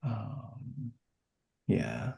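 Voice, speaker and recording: Guy hosting a webinar, kinda low voice, chatty and upbeat, lots of ums. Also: huge pitch swings, very slow, gravelly, mellow, husky. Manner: chatty, upbeat, many fillers. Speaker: webinar host. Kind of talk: casual webinar chat.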